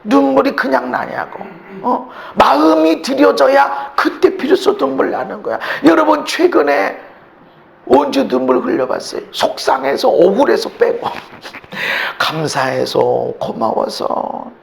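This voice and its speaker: A male pastor preaching a sermon with passion, swinging between shouted lines and hushed low ones. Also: big pitch swings, a little slow, gravelly, slight background noise.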